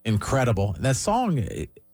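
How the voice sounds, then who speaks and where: A man's voice: medium pitch, very animated, normal speed, darkish tone, no room sound, faint music behind. A man hosting a radio show, chatting casually and giving friendly feedback with fillers. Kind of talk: casual studio chat.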